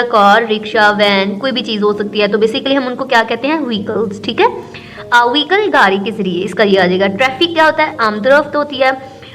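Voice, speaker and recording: A woman teacher with a Pakistani Urdu accent goes through a textbook lesson, asking questions and answering them herself and reading English lines slowly. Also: sits high, a bit bright.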